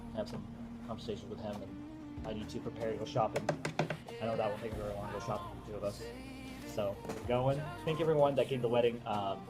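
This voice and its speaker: A man's voice: lowish voice, fairly even intonation, fast talker, over loud music. A man chatting casually as a vlogger. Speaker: vlogger, newlywed groom. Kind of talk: casual vlog chat.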